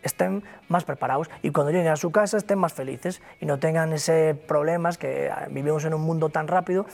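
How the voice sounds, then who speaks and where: With vocal fry in a slightly high voice, a Galician broker company founder talks fairly quickly as an interview guest. He carries a Galician Spanish accent and drives his message home emphatically, repeating it to motivate.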